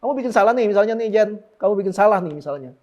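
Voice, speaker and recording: Male preacher, high voice, jokey and slangy, mimics other people's prayers. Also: lively intonation, very fast, darkish tone. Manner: joking, slangy, mimics lazy and bossy prayers. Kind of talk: casual sermon with mock impressions.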